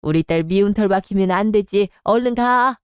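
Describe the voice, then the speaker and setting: A woman voicing a kind, caring mother in a radio drama, gentle and urging. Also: mid-range voice, moderate pace, clean tone, dry recording, clean studio sound, lightly acted.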